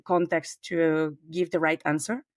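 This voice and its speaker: Chatty Spanish-accented woman in her forties, lower register, dry close sound; podcast guest on a call. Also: little pitch movement, a little slow, no room sound. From southern Spain. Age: 40s. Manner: talkative, warm and expansive, frequent fillers. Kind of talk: conversational interview. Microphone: remote call.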